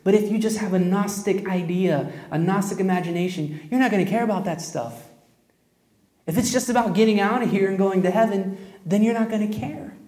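Guy pastor telling stories in his sermon, kinda high voice, echoey church room. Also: a little fast, darkish tone. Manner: storytelling, conversational, addresses congregation directly. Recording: roomy echo.

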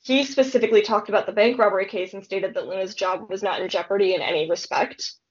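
Woman co-host, mid pitch, conversational true-crime storyteller, muffled lo-fi sound. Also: fast talker. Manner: chatty retelling, frequent "like" and "um". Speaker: podcast co-host. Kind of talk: casual true-crime chat.

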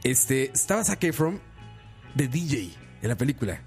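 A man's voice: medium pitch, sing-song, moderate pace, darkish tone, faint music behind. A man hosting a podcast, telling stories in a loose, slangy way and laughing often. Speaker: podcast host. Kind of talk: casual chat.

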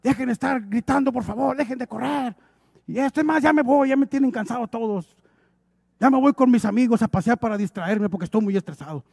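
A man's voice: very high-pitched, a little fast, gravelly, darkish tone, slightly rough, dry recording, studio quality, full character voice. A man preaching acts out a stressed husband who complains at home about cold food and noisy kids. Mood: irritated. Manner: irritated complaining.

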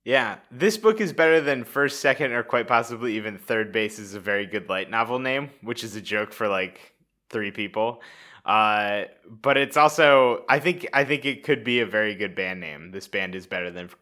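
A man's voice: on the low side, normal speed, bright, forceful tone. A young man co-hosting a podcast, chatting casually with plenty of fillers and laughter. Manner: rambling, frequent fillers and laughs. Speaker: podcast co-host. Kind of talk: casual chat.

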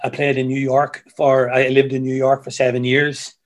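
A man, a musician guest who tells stories in a halting way, repeating words, heard over a video call. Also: medium pitch, completely flat delivery. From Ireland. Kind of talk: casual interview chat.

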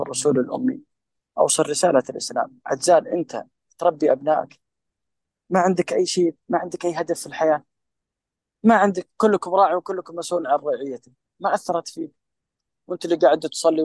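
Fast-talking saudi guy on a podcast, slightly high voice, preachy and emphatic, dry close sound. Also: a little mellow, no echo, rough recording. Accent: Saudi Gulf Arabic. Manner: emphatic and preachy, addresses listeners directly. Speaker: guest, mental health specialist. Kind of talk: impassioned advice in a podcast interview.

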